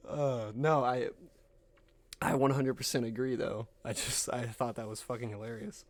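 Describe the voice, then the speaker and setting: A man's voice: medium pitch, fairly even intonation, moderate pace. A man in his late twenties co-hosting a podcast in casual chat, laid-back and jokey, laughing often and swearing. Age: late 20s. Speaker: podcast co-host.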